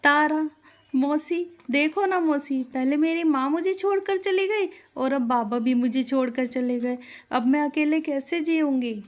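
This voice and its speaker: A woman's voice: a little slow, a little mellow, natural voice. A woman voicing a grieving, orphaned young woman who pleads through tears in a storybook tale. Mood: tearful pleading. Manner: high, crying, pleading.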